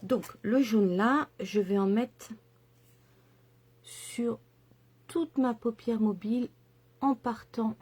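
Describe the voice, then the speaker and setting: A woman's voice: a little high, slow, long pauses, darkish tone, slightly rough. Chatty woman doing a makeup tutorial. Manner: chatty and enthusiastic, many fillers and asides. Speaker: makeup vlogger.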